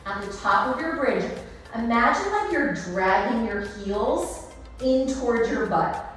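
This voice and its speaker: Female aerobics instructor, higher-pitched, encouraging, counting reps; very reverberant room with music underneath. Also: expressive, measured pace, a bit bright. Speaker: Pilates fitness instructor. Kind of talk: aerobics instructor cueing and counting through a workout. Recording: echoey room, distant, music behind.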